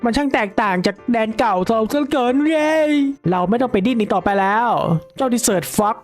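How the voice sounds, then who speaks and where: An excitable young man talks through a video game in a loose, casual way, full of exclamations and jokes. Faint game music plays quietly underneath his voice. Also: extremely high pitch, fast. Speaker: gaming video creator.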